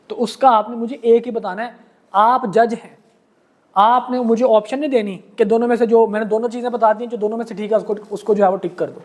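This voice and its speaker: Slow, explaining male law lecturer. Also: very high-pitched, a little mellow. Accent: Pakistani. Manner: explains slowly, reads case text word by word; addresses students as beta and janab. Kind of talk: classroom lecture.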